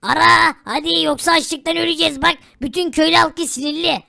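A woman's voice: very high-pitched, fairly even intonation, brisk, gravelly, sharp tone, no echo, exaggerated voice. A woman voicing a poor, easygoing male friend who talks in casual brotherly slang in a game role-play.

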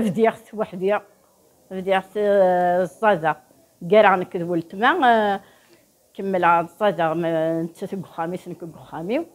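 An older woman exhibitor talks casually about her craft in an animated way, rising and falling in loudness, indoors at an exhibition. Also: mid-range voice.

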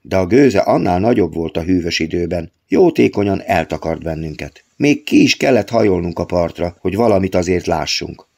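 Male author-narrator, deep and gravelly, steady storytelling. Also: hardly any pauses. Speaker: author reading his own novel. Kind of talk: audiobook narration.

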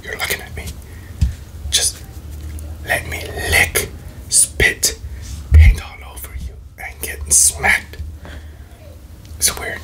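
A young adult man, an ASMR video creator, whispers a tingly mouth-sound role-play in a playful, teasing way, with slow murmured repetitions. He's indoors in a small bedroom, close to a desk microphone in front of him, and the recording is rough.

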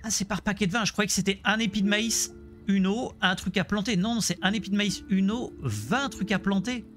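A man's voice: sits high, lively intonation, normal speed, fairly bright tone, soft background music. A man streaming a Let's Play, chatting casually about the game and joking with his viewers. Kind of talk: casual gameplay commentary.

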